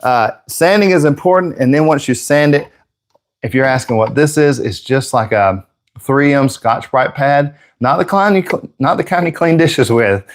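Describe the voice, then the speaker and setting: A man's voice: medium pitch, moderate pace. A man hosting a live airbrush painting stream, chatting casually and joking with viewers, slightly out of breath.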